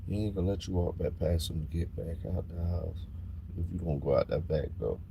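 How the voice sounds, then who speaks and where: A man talking bluntly and casually on a livestream, growing animated when he gets worked up. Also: sits low, fairly quick, creaky, muffled recording, a little hiss or hum. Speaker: livestream host.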